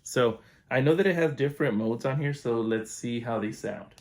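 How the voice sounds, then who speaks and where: A man giving a relaxed, chatty product review at home, walking through features. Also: medium pitch, moderate pace. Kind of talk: casual unboxing review.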